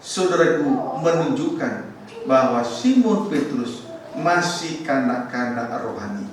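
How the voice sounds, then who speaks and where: Emphatic pastor in a booming hall. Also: male voice, expressive, a little slow. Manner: emphatic, repeats scripture lines and calls back to the congregation. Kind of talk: sermon. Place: church hall. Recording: very echoey church hall, mic far off, faint noise.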